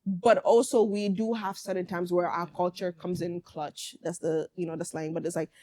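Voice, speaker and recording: A woman hosting a casual talk show, lively and slangy, who laughs a lot. Her voice is recorded close and dry, with no room sound. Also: fairly low pitch, moderate pace, no echo. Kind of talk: casual chat.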